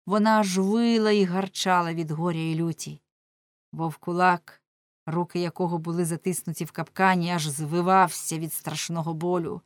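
A woman narrating a story as an audiobook in a steady, dramatic reading. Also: lowish voice, normal speed, dry recording.

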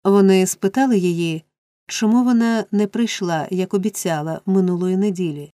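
A woman's voice: medium pitch, normal speed, warm tone, no echo, lightly acted. A woman voicing a sleepy, sly young male informer in an audiobook reading, drawling and smug.

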